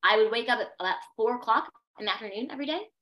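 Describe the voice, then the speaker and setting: A woman's voice: fairly high pitch, expressive, very fast, highs cut off. A young adult woman, a podcast guest, telling a personal story with intense emphasis and repeated phrases.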